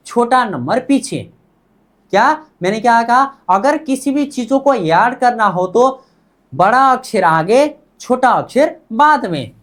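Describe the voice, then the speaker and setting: A woman teaching a language lesson, asking the same questions again and drilling the answers back, the way a classroom teacher does. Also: fairly high pitch.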